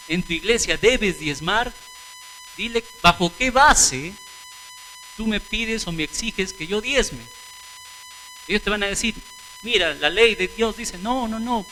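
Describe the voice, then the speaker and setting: A man's voice: high-pitched, sharp tone, a little hiss or hum, poor audio. A man preaching a sermon, asking rhetorical questions and answering them, calling the congregation brothers and sisters.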